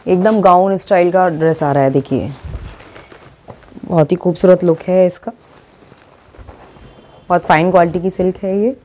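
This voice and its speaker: Woman, low mellow voice, boutique product showcase presenter. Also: fairly even intonation, moderate pace, long pauses, slight background noise. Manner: describes garments while showing them.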